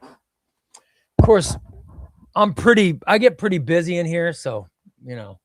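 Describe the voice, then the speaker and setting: A gravelly, mid-range male voice comes through a dry recording. He's a comic book seller from Illinois, Spanish his first language, hosting a laid-back livestream where he reads out viewer comments in a loose, rambling style, with some cursing.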